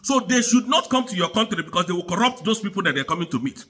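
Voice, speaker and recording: A man with a high, bright voice delivers a heated political rant. His pitch swings all over the place as he repeats his charges in an angry, preaching tone. He speaks throughout. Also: very animated, fast. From Nigeria. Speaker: commentator.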